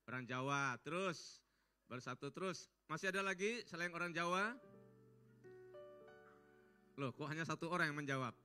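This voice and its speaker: Guest pastor, middle-aged man, higher voice, fervent in prayer and easy with the congregation; echoing church hall over the music. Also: sharp tone, clean tone. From West Kalimantan, Indonesia. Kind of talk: church prayer and sermon introduction.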